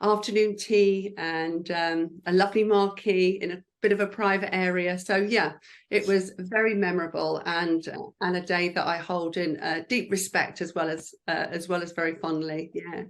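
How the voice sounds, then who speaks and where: A woman's voice: fairly low pitch, flat delivery, normal speed. Chatty woman giving career advice. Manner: chatty and encouraging, with frequent fillers. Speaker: lip speaker.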